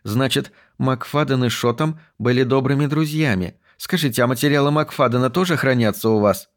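A man voicing a courteous, hurried young woman researcher, speaking in a lifted voice. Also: medium pitch, lightly acted. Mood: polite.

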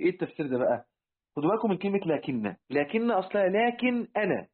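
A man with an Egyptian accent explaining word meanings in a patient, repetitive lesson, often checking "tamam?" and clearing his throat. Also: mid-range voice. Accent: Egyptian Arabic. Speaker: Quran word-meaning teacher. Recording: tinny phone-like audio.

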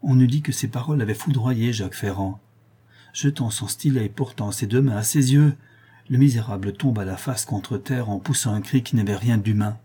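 A man narrating a classic novel as an audiobook, with a steady, dramatic storytelling manner. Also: mid-range voice, normal speed, husky.

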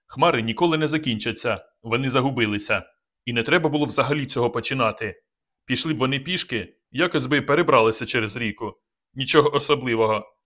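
A man narrating an audiobook in a calm, measured reading. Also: medium pitch. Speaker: audiobook reader. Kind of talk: scripted narration.

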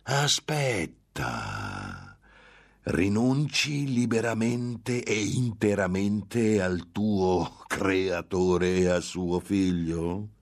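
A man voicing a scornful, menacing male demon tempter in an audiobook reading, slow and drawn out, swelling into shouts. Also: lowish voice, pitched above the performer's own voice. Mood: solemn.

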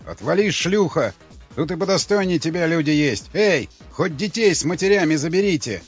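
A man voicing a rough, contemptuous older man shouting in a crowd. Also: on the high side, lively intonation, normal speed, voice pushed up. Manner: gruff shouting. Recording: slightly muffled with faint music.

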